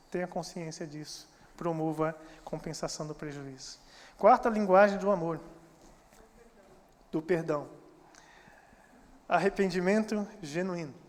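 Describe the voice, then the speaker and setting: A man with a Brazilian Portuguese accent preaching a sermon as pastor, animated and acting out quoted church members. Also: a little high. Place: church sanctuary. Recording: church hall reverb.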